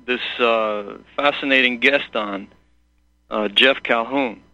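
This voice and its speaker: A man's voice: mid-range voice, sharp tone, no echo. A man calling in over the phone. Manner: rambling and halting, searching for words. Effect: heard over the phone. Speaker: caller. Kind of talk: call-in radio talk. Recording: dull phone-line sound.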